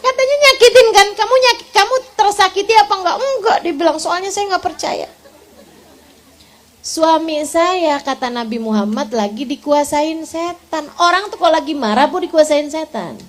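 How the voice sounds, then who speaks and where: Seorang pendakwah perempuan paruh baya yang berceramah kepada ibu-ibu dengan gaya bercerita yang hidup dan sesekali tertawa. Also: female voice, extremely high pitch, moderate pace. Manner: lively, animated storytelling with laughs. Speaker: preacher. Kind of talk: religious lecture to women.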